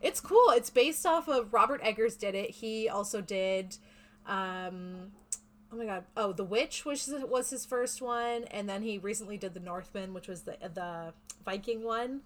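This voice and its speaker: A woman's voice: medium pitch, a little slow, fairly bright tone. A woman co-hosting a podcast, explaining in a rambling, chatty way. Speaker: podcast co-host. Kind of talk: casual podcast chat.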